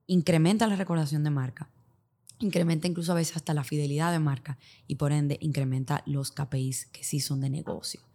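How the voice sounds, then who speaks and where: Low-pitched Dominican woman mixing in Spanglish. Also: fairly even intonation, a little fast, mellow. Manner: Spanglish, mixing English business terms into Spanish. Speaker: podcast guest, digital marketing expert. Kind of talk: explanatory interview talk with hypothetical examples.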